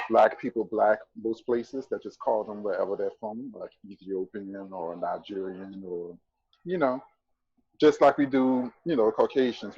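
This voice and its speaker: A man's voice: fairly low pitch, a little mellow. Blunt, profane man on a dull video call. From United States. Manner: emphatic, blunt and profane, with sarcastic retorts. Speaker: podcast guest. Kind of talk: candid conversational interview. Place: indoors at home. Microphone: phone front camera on a video call. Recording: dry, slightly dull video-call audio.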